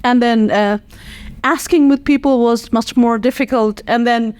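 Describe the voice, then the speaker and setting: A woman's voice: fairly high pitch, fairly even intonation, unhurried, a little mellow, dry recording. A young woman from Nepal with a Nepali accent, whose first language is not English, answering interview questions earnestly with many fillers. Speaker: nonprofit executive director.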